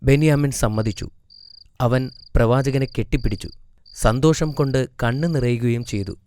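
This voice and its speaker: A man calmly narrating a scripted storybook for children. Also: mid-range voice, a little hiss or hum. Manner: calm, measured reading.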